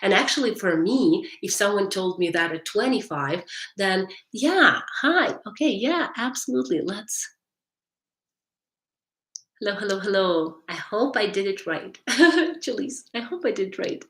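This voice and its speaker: A woman's voice: mid-range voice, expressive, measured pace, a bit bright, echoey room. A woman hypnotherapist talking on a live stream and answering viewers' chat, who often ends sentences with "right?" and restarts her phrases.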